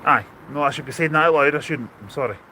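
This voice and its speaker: A man's voice: on the high side, fast, sharp tone, a little hiss or hum. A man hosting an outdoor live stream, chatting casually and easygoingly with a friend and his viewers. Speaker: host of a travel live stream.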